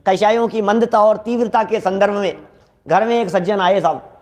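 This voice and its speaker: A man with a notably high voice delivers a scripture sermon in an animated, conversational way. He speaks directly to his listeners and repeats key lines for emphasis. Now and then he acts out everyday exchanges to make his point. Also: moderate pace. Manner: animated, acts out quoted dialogue from daily life. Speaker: Jain scripture lecturer.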